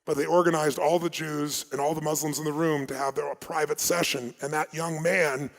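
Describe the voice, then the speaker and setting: A man's voice: fairly high pitch, level tone, normal speed, creaky. Emphatic man speaking in a reverberant hall. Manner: emphatic, swings between loud urging and hushed asides. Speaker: motivational speaker. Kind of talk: live seminar storytelling.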